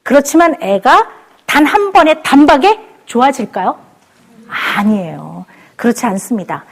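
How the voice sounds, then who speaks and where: A woman in her forties giving a televised lecture to parents, animated and laughing as she acts out how parents talk. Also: sits high, moderate pace, vocal fry. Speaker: child psychiatrist lecturer.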